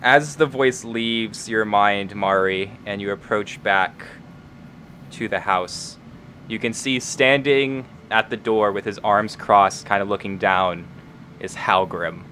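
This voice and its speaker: Man, game master, low pitch, tabletop game narration, music underneath. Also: takes it slowly, sharp tone, slight background noise.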